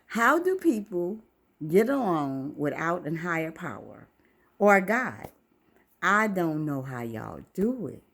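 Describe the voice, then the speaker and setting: A woman's voice: on the low side, husky. A woman in her fifties who hosts her own channel and talks in a casual, rambling, faith-centered monologue to camera. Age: 50s. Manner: talkative, wandering, faith-centered, musing. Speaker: vlogger, channel host.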